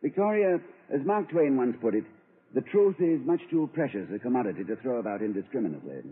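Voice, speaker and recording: A grandiloquent, whimsical college president. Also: male voice, mid-range voice, very animated, fast, husky. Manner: grandiloquent, playful, poetic flourishes. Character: whimsical, pompous middle-aged male college president. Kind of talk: 1940s radio acting. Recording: tinny old radio broadcast.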